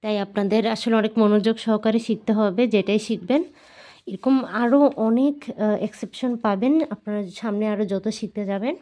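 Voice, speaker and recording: Mellow-voiced woman teaching pronunciation. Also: medium pitch, steady tone. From Bangladesh. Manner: slow, repeats each word several times. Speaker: Korean language teacher. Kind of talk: explaining and drilling pronunciation.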